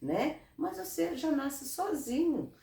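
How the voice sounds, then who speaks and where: A woman from Brazil, a guest in an interview, giving earnest, animated advice in casual talk. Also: high-pitched, takes it slowly, creaky. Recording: roomy, from a distance off mic.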